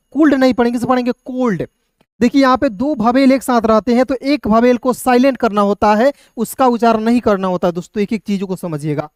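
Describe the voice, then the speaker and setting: A male English teacher gives a reading lesson in Hindi, his voice extremely high and the sound dry and close with no echo. Patient and slow, he spells words out letter by letter and keeps asking "clear?"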